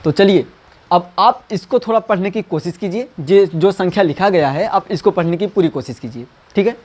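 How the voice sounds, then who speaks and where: A man teaching math, coaxing students and repeating number names slowly. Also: high voice, expressive, darkish tone. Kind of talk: classroom lesson.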